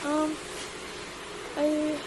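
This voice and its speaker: A young woman with a high voice, drunk, answers an officer's questions in a hesitant and apologetic way. The sound is body cam audio, with clear ambient vehicle noise around her. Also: completely flat delivery, very slow. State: intoxicated. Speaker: detained driver. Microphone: officer's body-worn camera.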